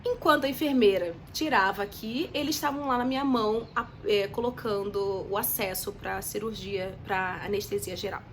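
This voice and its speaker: A woman's voice: medium pitch, moderate pace, few pauses, a little hiss or hum. A young woman, telling a story to her viewers in a chatty, dramatic way. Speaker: vlogger. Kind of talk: casual storytelling to camera.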